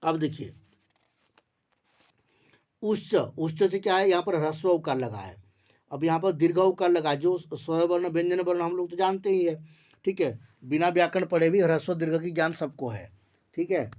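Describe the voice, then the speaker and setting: A male teacher with a slightly high voice gives an online Sanskrit grammar lesson. He explains patiently and keeps checking in with his students. He stretches vowels out slowly to show how long each one is. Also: darkish tone. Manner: explains patiently, repeating terms and checking with "ठीक है"; draws out vowel sounds slowly to demonstrate length. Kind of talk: online lecture.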